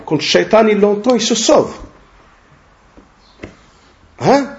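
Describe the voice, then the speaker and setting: A man giving a religious lesson, translating a scholar's talk slowly and deliberately and often adding short tag questions. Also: sits high, lively intonation, a little hiss or hum. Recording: dull lo-fi recording.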